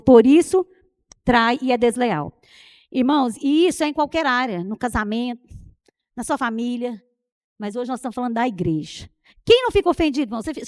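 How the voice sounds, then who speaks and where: A woman's voice: a little high, no room sound, studio quality. A woman with a Brazilian Portuguese accent preaching a sermon, telling personal stories and acting out the dialogue in them. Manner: animated storytelling, acting out dialogue. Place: church retreat.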